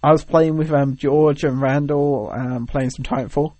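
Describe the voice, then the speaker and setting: A man's voice: a little high, fairly even intonation, moderate pace, darkish tone, dry recording. A young British man co-hosting a podcast, chatting casually in a rambling, hesitant, joking way. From Britain. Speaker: podcast co-host. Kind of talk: casual chat.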